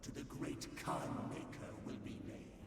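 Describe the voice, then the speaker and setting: An actor playing a zealous demonic priest in a video game, making solemn, preaching proclamations. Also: male voice, a little slow, very noisy, lightly acted. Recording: cavernous reverb, distant, under game music.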